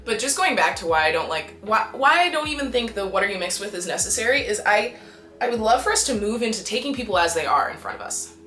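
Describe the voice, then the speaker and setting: Young canadian woman, bright voice, emphatic vlog talk, echoey room. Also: mid-range voice, fast, soft background music. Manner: animated, exasperated and emphatic, gesturing with her hands. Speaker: vlogger. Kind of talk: casual talk to camera. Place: small bright room indoors.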